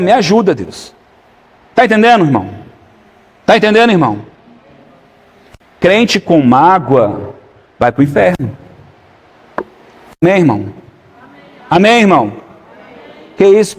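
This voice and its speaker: A man's voice: high voice, very animated, brisk, long pauses, in a large hall. A man pastor preaching a sermon, often calling out to the congregation for agreement. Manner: preaching with call-and-response questions to the congregation. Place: church hall.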